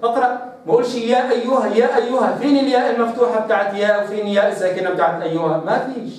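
A man teaching a Quran recitation lesson, explaining quickly and then stretching words out slowly to demonstrate. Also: high-pitched. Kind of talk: tajweed lesson with slow demonstrations. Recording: loud echo, distant mic.

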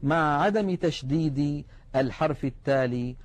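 Measured man teaching recitation rules. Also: on the high side. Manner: measured, explanatory, slows to spell out examples. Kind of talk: televised tajweed lesson.

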